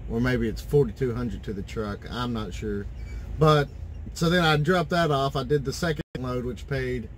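A man in his thirties vents to a phone camera from his parked truck cab, rambling and frustrated, with plenty of fillers. His voice sits at an ordinary middle pitch. A faint hum of vehicle ambience stays in the background. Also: moderate pace. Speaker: owner-operator truck driver. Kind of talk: casual vlog rant. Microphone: phone camera at arm's length.

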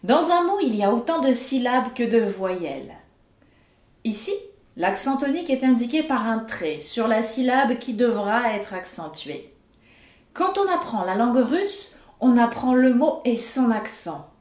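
A woman teacher giving a scripted pronunciation lesson, with clear and emphatic explanations. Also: a little high, a little mellow, roomy sound. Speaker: Russian language teacher.

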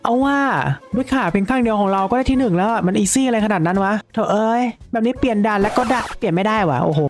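Young man, gaming commentary, excitable, joking, exclamations, faint music behind. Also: high voice, very fast. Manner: excitable, exclaims and jokes while playing. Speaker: gaming video creator. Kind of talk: casual game commentary.

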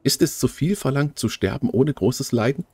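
A man voicing a melancholy young noblewoman in a game, reading in a halting, stilted way. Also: mid-range voice, lively intonation, darkish tone, slightly rough. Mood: gloomy.

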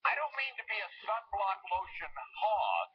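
A man's voice: sits high, sing-song, normal speed, slightly rough, dry recording. A man hosting a TV game show, folksy and upbeat as he chats with contestants, heard in muffled lo-fi TV audio.

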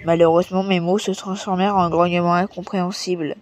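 A woman reading a children's book aloud, sometimes stumbling over words and correcting herself, and raising her voice for shouted lines. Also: lowish voice, little pitch movement, quick pace. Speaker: reader.

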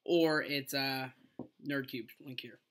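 A man's voice: mid-range voice, steady tone, slow, fairly bright tone. A young man co-hosting a casual podcast with his mother, joking and rambling as he talks. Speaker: podcast co-host, son. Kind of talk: casual chat.

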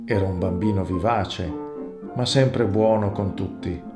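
Low-voiced male narrator over guitar music. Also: a little slow, roomy sound. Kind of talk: scripted narration.

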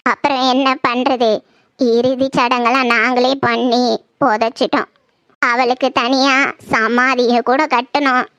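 A woman voicing a grieving old village grandmother in a cartoon, talking slowly in a lamenting way. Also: a little high, flat delivery, fairly bright tone, no echo, dull audio. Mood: gossiping. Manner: slow, mournful, lamenting. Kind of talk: cartoon voice acting.

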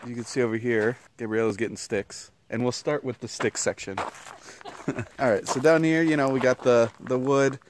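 A man's voice: medium pitch, normal speed, background noise. A young man vlogging outdoors at a wooded campsite, chatting casually into a handheld camera as he walks and points things out. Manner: relaxed, chatty, listing things with fillers. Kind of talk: casual vlog tour. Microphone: handheld camera at arm's length.

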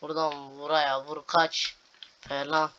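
A man's voice: on the high side, little pitch movement, unhurried, pushed and bright. A young man giving casual gameplay commentary, narrating each move to viewers and swearing at glitches. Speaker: gaming video host. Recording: dull lo-fi home recording with clear noise.

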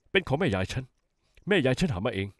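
An actor playing a smug, scheming in-law who taunts and mocks in a dubbed soap opera. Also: male voice, medium pitch, sing-song, fast talker, dry recording, clean studio sound. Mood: taunting. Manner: mocking, taunting.

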